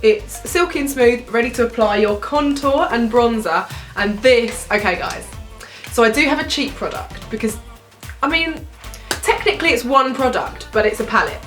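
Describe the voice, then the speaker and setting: A woman's voice: a little high, animated, normal speed, fairly bright tone, reverberant, soft background music. Bubbly young woman chatting a makeup tutorial. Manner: chatty, bubbly, giggly asides. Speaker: beauty vlogger. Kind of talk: casual makeup tutorial chat.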